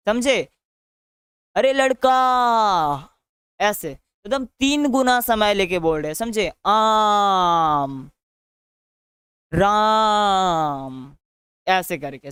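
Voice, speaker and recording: Bihari-accented male teacher, smooth voice. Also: sits high, a bit bright, dry recording. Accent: Bihari Hindi. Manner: drills students with repeated questions and answers; keeps adding the tag "है ना?". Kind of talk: online grammar lesson.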